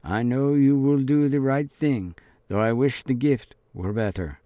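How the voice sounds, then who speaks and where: A man's voice: mid-range voice, unhurried, mellow, dry recording, voice pushed up, natural voice. A man voicing a loving father speaking to his daughter in a letter, tender and apologetic, in an audiobook.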